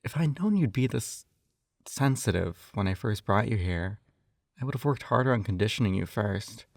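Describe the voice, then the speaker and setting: An expressive, creaky, lowish male voice at normal speed belongs to an audio roleplay performer playing a doting, possessive yandere hypnotist-captor. His coaxing carries a slightly condescending edge and frequent sighs, and the clean studio recording has no echo.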